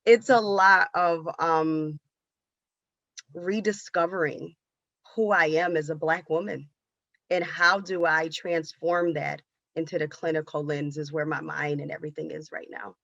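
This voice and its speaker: A woman's voice: low voice, fairly even intonation, a little slow, gravelly, fairly bright tone, no echo, muffled recording. A woman clinician speaking on a video-call panel, candid and openly emotional. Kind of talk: panel discussion.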